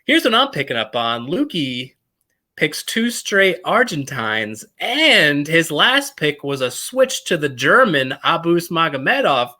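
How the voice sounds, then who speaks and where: Bright, lively high-voiced man. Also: measured pace. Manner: joking, teasing banter. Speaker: podcast co-host. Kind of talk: casual sports-betting chat.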